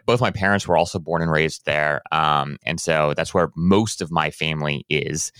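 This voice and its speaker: A man in his thirties from Hawaii with a very low, smooth, resonant voice, chatting casually as a podcast guest. He talks in a relaxed, rambling way, full of fillers and restarts, from a small closet studio with a dry, close sound. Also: no echo. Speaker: guest, business owner. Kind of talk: casual conversational interview.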